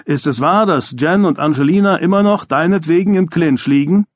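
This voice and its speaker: A man voicing a pushy, down-on-his-luck male paparazzo in an audiobook, calling out loud taunts in a raised voice. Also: a little high, normal speed, no room sound, voice pushed up, natural voice. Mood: taunting. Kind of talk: audiobook character voice.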